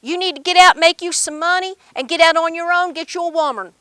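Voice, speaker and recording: A woman storyteller acts out a plain-spoken mountain mother in a folk tale. She is firm and emphatic, with a high, bright voice and an Appalachian accent. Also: a little fast, no room sound, clean studio sound. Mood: firm, urging. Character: plain-spoken mountain mother pushing her grown sons out.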